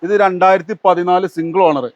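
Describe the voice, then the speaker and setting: A man's voice: high voice, fairly even intonation, fairly quick, no echo. A man, a car dealer giving short, matter-of-fact answers in mixed with English words. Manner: mixes English words into Malayalam. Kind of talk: answering a host about cars for sale. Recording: dull lo-fi sound with background noise.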